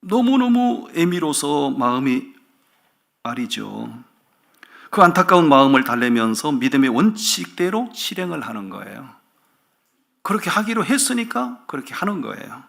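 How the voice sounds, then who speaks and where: A male pastor preaching a sermon in a lively way, often asking the congregation questions. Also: a little high, normal speed, vocal fry. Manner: animated, asks the congregation rhetorical questions.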